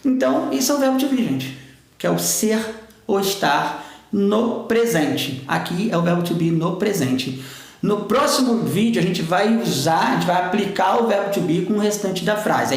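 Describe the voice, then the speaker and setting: A Brazilian man teaching English grammar in a chatty way, often checking in with his students as he writes on a board. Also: high-pitched. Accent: Brazilian Portuguese. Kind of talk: explaining grammar at a whiteboard. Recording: echoey room.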